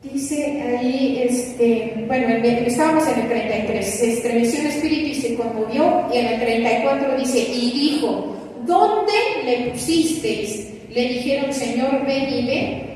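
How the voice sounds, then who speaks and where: A woman preaching a measured, emphatic sermon and putting questions to her congregation. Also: fairly high pitch, fairly even intonation, darkish tone, a little hiss or hum. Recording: echoey hall recorded from a distance.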